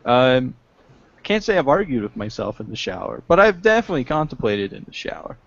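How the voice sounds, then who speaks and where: Through a webcam mic on a video call, the dull lo-fi audio catches a young adult's medium-pitched voice: sing-song, creaky, a bit bright, with no room sound. He co-hosts a casual political podcast from home, joking and laughing frequently in a drawn-out delivery.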